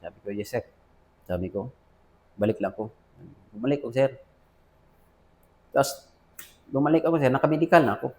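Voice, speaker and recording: In a casual interview, an army officer with a Filipino accent recalls his career, peppering it with sir and quoted conversations. He speaks at medium pitch, animated and fairly quick but with long pauses, in a slightly mellow voice.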